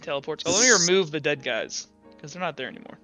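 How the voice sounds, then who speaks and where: Running an online tabletop roleplaying game as its game master, this man keeps things chatty and informal as he explains. His fairly high voice is expressive, quick, bright and forceful. Music plays behind a recording with roomy echo and a dull lo-fi sound.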